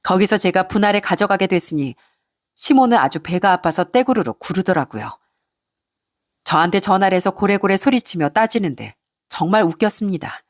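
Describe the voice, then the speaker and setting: A woman's voice: mid-range voice, animated, moderate pace, dry recording, studio quality. A woman reading a first-person story in a conversational, indignant storytelling manner. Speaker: story narrator.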